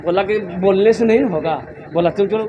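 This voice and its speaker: High-pitched impassioned male preacher. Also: brisk, highs cut off, noisy background. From India. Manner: impassioned, rhetorical questions, repetitive. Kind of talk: sermon. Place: outdoor religious gathering.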